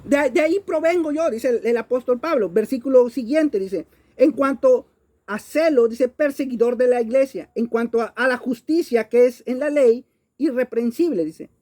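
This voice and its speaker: High-voiced Mexican woman preaching a sermon. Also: moderate pace, warm tone. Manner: emphatic, repeats words while searching for them.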